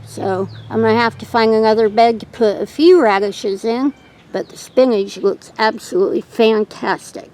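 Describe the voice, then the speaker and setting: A woman's voice: on the high side, moderate pace, darkish tone, low-quality recording. A woman hosting a casual garden tour outdoors, chatty and homespun, a little out of breath as she walks. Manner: chatty, homespun, says "yeah" a lot. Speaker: channel host. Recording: faint outdoor noise and wind.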